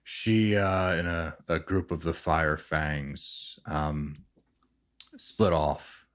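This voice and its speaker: A man narrating and explaining a tabletop role-playing game as game master, often halting as he works out what to say. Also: a bass voice, fairly even intonation, fairly bright tone.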